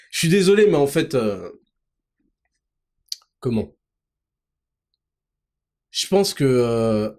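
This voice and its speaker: A man hosting his own show, ranting crudely and mockingly, laughing often between outbursts and low mutters. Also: darkish tone. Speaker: host. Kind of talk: ranting monologue.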